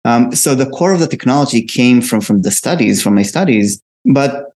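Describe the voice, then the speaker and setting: A man's voice: mid-range voice, lively intonation, moderate pace, darkish tone. A middle-aged man with an Israeli accent, a company founder answering interview questions, often restarting with fillers. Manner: many fillers and restarts, explanatory. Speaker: company co-founder and CEO, guest.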